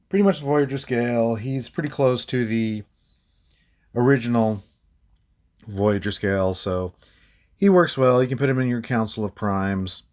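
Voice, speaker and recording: A man talks through a hands-on toy review in a loose, casual way. He fills the gaps with "uh" and "yeah" and laughs quietly to himself. His voice sits at an ordinary middle pitch. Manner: relaxed, rambling, many fillers and small laughs.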